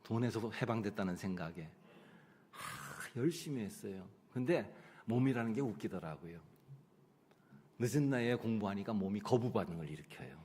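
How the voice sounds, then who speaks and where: Korean pastor preaching in a reverberant hall. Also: male voice, on the low side, normal speed, slight background noise. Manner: animated storytelling, acts out his own prayers and dialogue. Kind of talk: sermon with personal stories. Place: church sanctuary. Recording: long church hall reverb.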